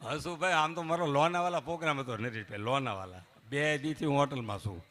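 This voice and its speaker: Animated man telling jokes. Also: mid-range voice, a little fast. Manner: animated, jokey, swings from loud to hushed. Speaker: folk comedian and storyteller. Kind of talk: live stage comedy storytelling. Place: live stage before a temple audience.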